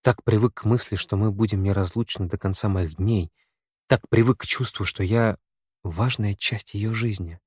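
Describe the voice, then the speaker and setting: A man with a low, dark voice narrates a first-person audiobook in a measured, brooding way. The recording is dry and close, with no room echo. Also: husky.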